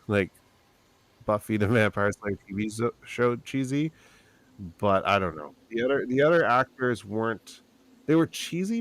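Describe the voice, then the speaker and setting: Podcast co-host, man in his thirties, very low gravelly voice, worn out, rambling. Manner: rambling, restarting, trailing off. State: tired, low on sleep. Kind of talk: casual chat.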